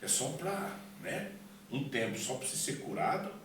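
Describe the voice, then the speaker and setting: A man's voice: mid-range voice, lively intonation, normal speed, fairly bright tone, very echoey, distant mic, slight background noise, voice pushed up, close to an everyday voice. A man voicing a chummy male bar owner who coaxes an old regular, teasing and coaxing.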